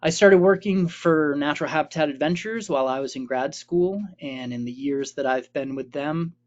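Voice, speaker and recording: A man in his late thirties, an expedition leader giving an informal webinar presentation, relaxed and friendly, with many fillers. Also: on the high side, normal speed, lo-fi sound. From Vermont.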